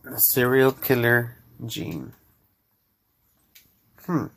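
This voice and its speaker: The recording quality is low as a podcast host with a Mexican accent talks extremely slowly in a level, mid-range, fairly bright voice. He rambles casually and speaks right to his listeners.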